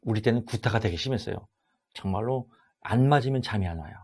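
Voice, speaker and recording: A middle-aged man giving an exam-prep lecture, loud and animated, acting out little dialogues as he teaches. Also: fairly low pitch, quick pace.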